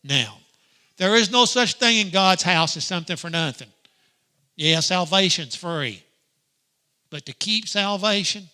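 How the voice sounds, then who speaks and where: Man teaching sunday school, high bright voice, emphatic, loud then hushed. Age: grandparent age, middle-aged or older. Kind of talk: preached Sunday school lesson.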